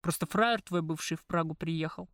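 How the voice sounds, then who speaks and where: A woman's voice: low-pitched, moderate pace, a bit bright, no echo, clean studio sound, pitched below the performer's own voice. A woman voicing a jealous menacing gang boss. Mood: suspicious. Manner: suspicious, threatening, coarse.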